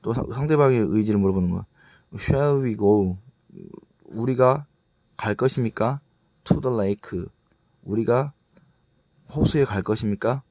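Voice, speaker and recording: A man teaching English grammar in a casual, halting lecture, often restarting words and reading example sentences slowly with a Korean accent. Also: on the low side, mellow, no echo. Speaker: English tutor.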